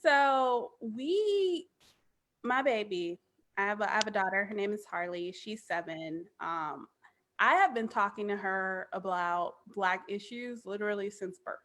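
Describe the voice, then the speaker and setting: A woman in her thirties, a podcast guest, talking in an animated, emphatic casual way with lots of "like". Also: mid-range voice, unhurried, slight background noise. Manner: animated, emphatic, frequent "like" fillers. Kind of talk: casual chat.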